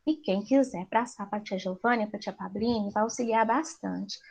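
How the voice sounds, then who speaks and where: A woman's voice: medium pitch, darkish tone. A middle-aged woman teacher with a Brazilian Portuguese accent, explaining to parents in a live class and asking rhetorical questions.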